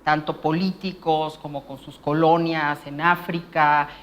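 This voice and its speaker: A woman speaking as an expert interviewee, in a measured, explanatory way. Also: sits low, flat delivery, dull audio, a little hiss or hum.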